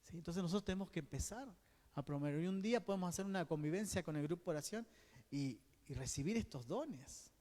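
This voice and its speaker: This diocesan coordinator, speaking Argentine Spanish, leads a religious teaching session in a high, mellow, animated voice, talking fast and preaching as he goes. He poses questions to the room and answers them on his own, punctuating his points with "¿Sí?" to check in, and the hall gives his words a long reverb.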